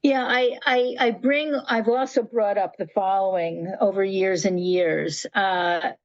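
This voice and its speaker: Older woman guest, talks slow, acts out the quotes, sounds kinda muffled. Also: mid-range voice, no room sound. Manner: animated storyteller, acts out quotes, restarts often. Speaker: guest, nonprofit founder. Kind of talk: conversational interview storytelling.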